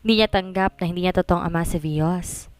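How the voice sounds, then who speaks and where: A woman's voice: on the low side, fairly quick, smooth, dry recording, poor audio. A woman narrating a dramatized story, mixing English into Tagalog.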